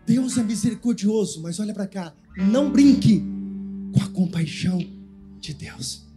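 A man's voice: sits high, lively intonation, a little slow, music in the background. A man preaching a sermon as pastor, giving the congregation commands to repeat after him. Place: church.

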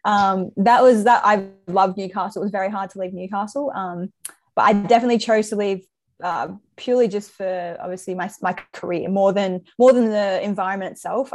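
A woman's voice: medium pitch, a little mellow, slight background noise. A woman in her twenties with a Queensland Australian accent, chatting informally as a soccer player being interviewed. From Brisbane, Australia. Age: 20s. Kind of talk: casual chat.

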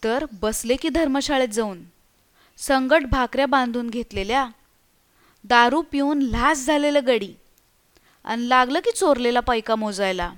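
A woman's voice: on the high side, a little slow, clean tone, close to an everyday voice. A woman voicing a frightened village man. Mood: spooked. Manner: hushed, stammering, earthy village speech. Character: frightened village man telling a ghost story. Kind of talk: storybook reading.

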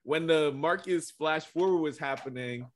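A fairly high-pitched male voice in a casual podcast conversation. He talks informally, like a host among co-hosts. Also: normal speed. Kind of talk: casual chat.

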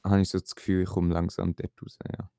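A young man talks casually as a podcast co-host. His voice is low, mellow and very smooth, in a relaxed delivery. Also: fairly quick, dry recording, clean studio sound. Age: late teens.

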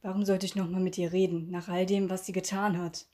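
A woman reading aloud and voicing a brash, unbothered teenage boy in a storybook, in a low, flat tone. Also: brisk, close to an everyday voice. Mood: dismissive.

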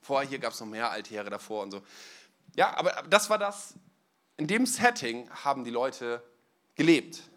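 A man's voice: mid-range voice, very animated, normal speed, bright, forceful tone. A man giving a conversational sermon at a church service. He tells the story casually, uses everyday fillers and speaks directly to the congregation. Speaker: preacher.

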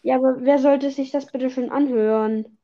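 A woman's voice: high voice, steady tone, moderate pace, mellow, muffled recording. A young woman hosting a casual podcast chat, teasing and exclaiming in slangy talk. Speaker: podcast host. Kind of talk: casual chat while gaming.

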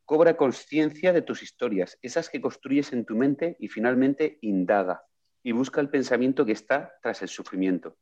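A man in casual conversation, recounting a book and acting out its questions with lively energy. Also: mid-range voice, normal speed. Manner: animated storyteller, acts out quoted questions. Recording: dull lo-fi sound.

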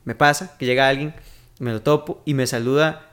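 A man with a Costa Rican accent, a podcast guest talking in a relaxed, reflective way with local slang. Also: mid-range voice, brisk. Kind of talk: casual chat.

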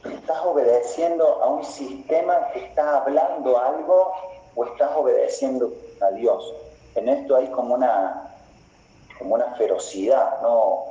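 A man preaching a sermon as pastor, slow and deliberate, repeating phrases for emphasis. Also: mid-range voice, dark tone. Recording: roomy, slightly dull recording.

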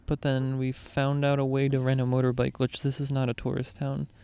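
A man's voice: medium pitch, monotone, fairly quick, vocal fry, warm tone, smooth. A young man chatting casually about travels, easygoing and explanatory, with frequent fillers.

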